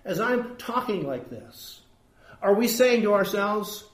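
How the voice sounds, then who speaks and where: A man's voice: sits high, expressive, slow. Emphatic preacher man in an echoey room. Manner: emphatic, asks the congregation rhetorical questions. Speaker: pastor. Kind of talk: sermon.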